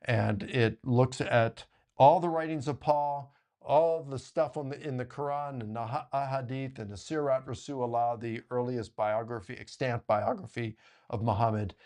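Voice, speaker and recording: A man at medium pitch appears as a guest author in a casual discussion, animatedly telling stories with quick asides.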